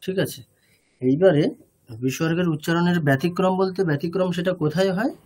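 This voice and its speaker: A male teacher speaks over a video call in a somewhat high voice. He explains slowly and patiently, repeats his points, and keeps checking whether his students follow. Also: noisy background. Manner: patient, repetitive, often checks understanding. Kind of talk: online class lecture.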